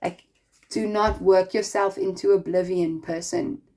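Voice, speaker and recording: A woman's voice: fairly low pitch, fairly even intonation, measured pace, mellow. A woman giving a casual spiritual tarot reading, chatty and rambling, full of fillers, speaking encouragingly straight to the listener. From not American. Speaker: tarot reader.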